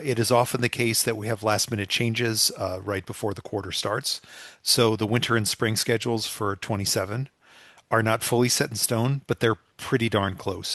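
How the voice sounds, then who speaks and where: A man's voice: lowish voice, a bit bright, dry recording. A man who advises computer science majors, explaining a course website in an online information session with some fillers.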